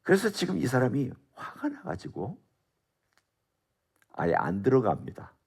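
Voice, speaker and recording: A middle-aged male pastor preaches an expository Bible sermon at a dawn prayer service, speaking conversationally and putting rhetorical questions to his listeners. His mid-range voice swings hugely in pitch, moves at a measured pace, and is darkish and slightly rough with vocal fry.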